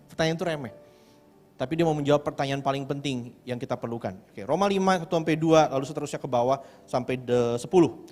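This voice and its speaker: A pastor preaches in a church hall, his fairly high voice ringing with long reverb. He is animated and slips English words into his sermon. Soft music plays underneath. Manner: animated, acts out quoted voices.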